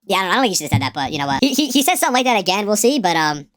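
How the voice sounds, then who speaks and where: Rapid-fire, swearing woman reacting to songs. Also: mid-range voice, sing-song. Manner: profane, slangy, stammering repeats. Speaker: music reaction streamer. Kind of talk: casual song reaction commentary. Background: faint song playing.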